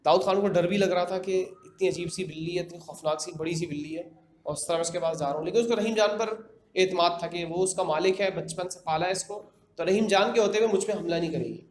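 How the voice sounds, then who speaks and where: A man casually retelling a horror story in his own words, conversational, with fillers and repeated phrases. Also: sits high. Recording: echoey room with faint background noise.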